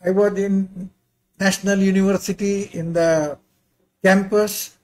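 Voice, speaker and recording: An older man, a visiting pharmacy professor and associate dean, gives a slide lecture over a video call in English that sounds non-native. His voice is high and darkish, delivered flatly at a measured pace. He is courteous and prone to informal, rambling asides.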